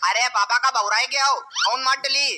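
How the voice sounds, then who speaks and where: A man's voice: very high voice, normal speed, heavy background noise. A man doing a cheeky teasing cartoon son. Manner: teasing, rustic cheeky talk. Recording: cartoon dub over clear music.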